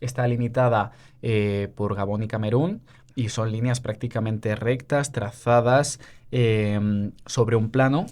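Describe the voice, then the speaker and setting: A man's voice: lowish voice, steady tone, unhurried, a little mellow. Man explaining at length, hesitant fillers. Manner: explains with many fillers and asides. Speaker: podcast co-host. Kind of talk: casual explanatory chat.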